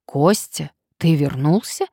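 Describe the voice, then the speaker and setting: A woman's voice: deep voice, lively intonation, slow, dark tone, slightly rough, dry recording, studio quality, exaggerated voice. A woman reading an audiobook, voicing an easygoing middle-aged man who drawls his words. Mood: drawling surprise. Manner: drawling, surprised.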